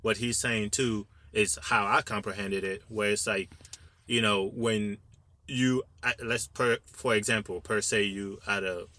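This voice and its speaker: A man's voice: lowish voice, steady tone, unhurried, sharp tone. A man co-hosting a casual panel discussion, talking discursively and often checking in with rhetorical questions. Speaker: podcast co-host.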